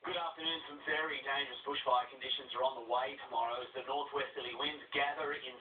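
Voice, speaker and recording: A man presenting a regional weather forecast in a brisk, explanatory way. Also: medium pitch, fairly even intonation, recorded from a distance, background noise. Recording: echoey, tinny off-air TV recording.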